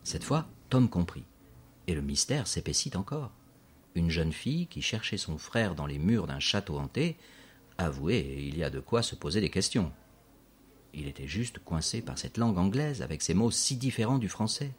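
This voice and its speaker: A man narrating a storybook in a measured, scripted audiobook delivery. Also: sits low, big pitch swings, slightly rough.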